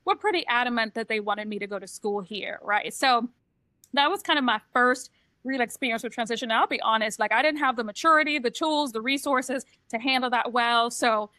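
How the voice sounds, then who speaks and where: Middle-aged woman cohost, grew up in trinidad, bright voice a bit high, dry close mic, talking candidly. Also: a little fast, no room sound. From Trinidad and Tobago. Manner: reflective, candid, personal storytelling. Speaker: podcast co-host, transition coach. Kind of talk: casual podcast chat.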